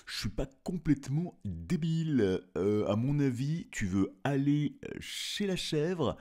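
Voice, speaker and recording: A wary village miller in a spoken storybook, talking in a casual, hesitant way, as a man plays him. His voice is mellow and dark with a lively lilt. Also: medium pitch, measured pace, voice pushed up. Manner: hesitant, casual, full of "euh".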